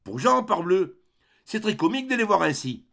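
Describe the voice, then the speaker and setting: A man's voice: high voice, very animated, normal speed, gravelly, a bit bright, pitched above the performer's own voice, heavily acted. A man reading a novel aloud, voicing a bitter, sarcastic young man who mocks with dry forced laughter. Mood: sneering. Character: bitter sneering young man, mocking and cruel. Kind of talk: audiobook character reading.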